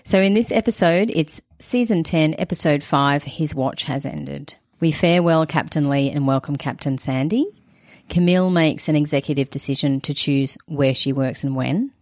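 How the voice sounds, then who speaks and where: Brief: woman podcast co-host, low voice, chatty and giggly, dry close mic. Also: normal speed, a little mellow, dry recording. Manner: chatty, giggly, recaps with enthusiasm. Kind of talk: casual podcast chat.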